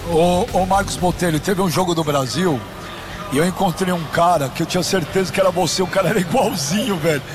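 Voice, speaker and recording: Brazilian male sports host, high-pitched, jokey and shouty, music behind. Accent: Brazilian Portuguese. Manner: excitable, joking, rapid swings to shouting. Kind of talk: live sports broadcast banter. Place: broadcast booth at a stadium.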